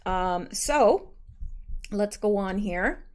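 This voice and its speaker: A woman's voice: mid-range voice, lively intonation, extremely slow, darkish tone, smooth. A woman hosting her own channel, casually reading out posts and commenting on them in a loose, conversational way with frequent ums and self-corrections. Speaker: channel host.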